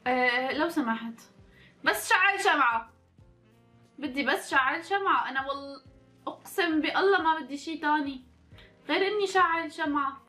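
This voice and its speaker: A woman's voice: sits high, normal speed, long pauses, sharp tone, soft background music. A woman in her twenties with a Levantine Arabic accent, chatting playfully to her viewers as she plays, teasing and putting on mock-angry outbursts. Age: 20s. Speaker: vlogger. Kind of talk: playful gameplay commentary.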